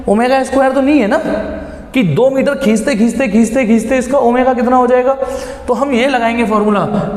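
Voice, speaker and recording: Male physics tutor, very high voice, repeats each step patiently; long reverb in the room. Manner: explains step by step, repeats key phrases, mixes Hindi with English terms. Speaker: physics teacher. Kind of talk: blackboard lesson.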